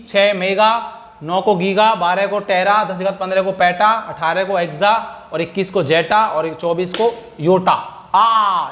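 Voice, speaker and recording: Male chemistry teacher, high voice, quizzing lecture style; roomy, muffled recording. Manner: repetitive, quizzing students with questions. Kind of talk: classroom lecture.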